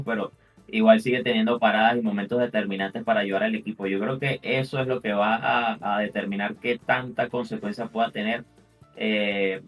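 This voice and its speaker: A man's voice: lowish voice, recorded from a distance. A man giving casual football analysis as a commentator, in long winding sentences with repeated points of emphasis.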